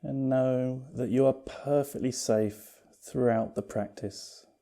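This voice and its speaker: A man's mid-range voice carries a guided yoga meditation that he leads as the teacher. He speaks slowly and calmly, in a soothing tone that gently reassures.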